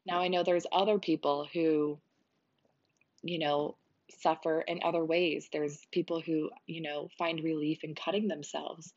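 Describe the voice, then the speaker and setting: A young adult woman talks straight to her listeners in a solo podcast, earnest and chatty, often leaning on fillers. Her voice sits a little low for a woman. The recording sounds slightly dull and lo-fi. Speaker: podcast host.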